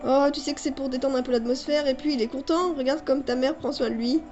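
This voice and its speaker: A woman's voice: high-pitched, fairly even intonation, fast, darkish tone, lo-fi sound, soft background music, close to an everyday voice. A woman reading the lines of a cheeky, overly polite young man in a homemade fan story. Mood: teasing. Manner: mock-courtly, teasing.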